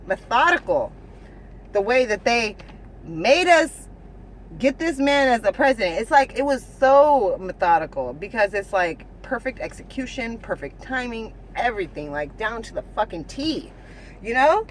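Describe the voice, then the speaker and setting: This woman vlogger, whose voice sits on the high side, delivers an animated, casual rant to camera at moderate speed. Profanity comes often, her sentences stumble and restart, and "you know what I'm saying" keeps coming back. A faint hiss or hum runs underneath.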